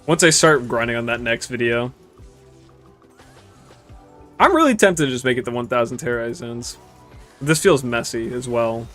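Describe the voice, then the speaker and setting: A man's voice: medium pitch, normal speed, long pauses, soft background music. Young man casually rambling over gameplay. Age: 20s. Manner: relaxed, rambling, swears casually. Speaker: gaming streamer. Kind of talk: casual gameplay commentary chatting with viewers.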